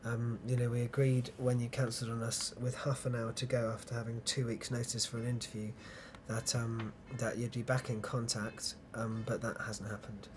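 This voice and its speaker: A man's voice: medium pitch, flat delivery, normal speed, hardly any pauses, music in the background. A man leaving a voicemail to ask for an interview, hesitant and full of ums. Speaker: documentary filmmaker.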